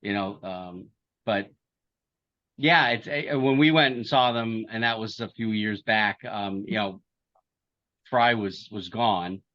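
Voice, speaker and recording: A man's voice: on the low side, slow, lo-fi sound. A man hosting a casual panel chat, rambling and joking with old-fashioned slang. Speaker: podcast host.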